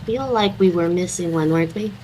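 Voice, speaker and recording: A woman's voice: lowish voice, a little fast, dark tone, a little hiss or hum, low-quality recording. A woman chatting casually as a player in a tabletop game.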